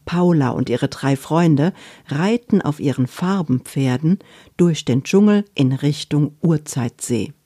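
A woman reading a children's book aloud in a deliberate storytelling manner. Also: sits low, lively intonation, mellow, breathy edge, no room sound, clean studio sound.

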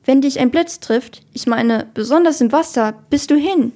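A woman voicing a furious, bossy male lifeguard in a book read aloud, shouting his orders in a raised voice. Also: high-pitched, moderate pace. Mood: angry.

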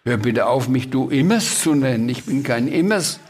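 A man's voice: medium pitch, animated, unhurried, slightly rough. A man voicing a cheeky, impatient, childlike creature in a brash, raised voice, for a children's story read aloud.

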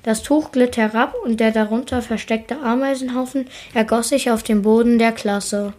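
A woman reads a children's storybook aloud, expressive and steady. Her voice sits somewhat high for a woman. The pacing is even. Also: moderate pace. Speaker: book reader. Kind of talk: storybook reading.

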